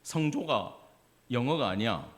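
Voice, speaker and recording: A man's voice: mid-range voice, animated, unhurried. A male pastor with a Gyeongsang accent preaching a sermon in a church, talking conversationally and putting questions to the congregation. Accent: Gyeongsang Korean. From Gyeongsang province, Korea. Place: church sanctuary.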